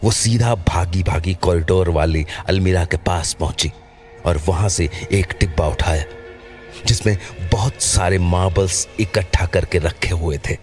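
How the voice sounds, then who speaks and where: Clear music sits behind a scripted horror story told by a man whose voice is extremely low. He takes his time with the narration.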